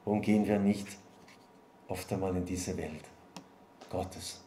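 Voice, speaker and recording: A pastor preaches to his congregation in a lively, searching way, often repeating himself and asking if they follow. His voice is mellow and middle-pitched. The recording sounds echoey, with faint noise behind him. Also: measured pace. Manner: lively, preachy, talks to the congregation, ahem-ing and repeating words. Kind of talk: sermon.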